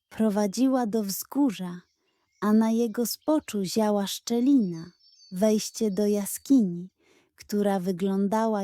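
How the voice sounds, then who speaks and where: This is a gentle, expressive woman telling a bedtime story for children in a mellow, fairly high voice, unhurried throughout. The recording is close and dry, with no room sound.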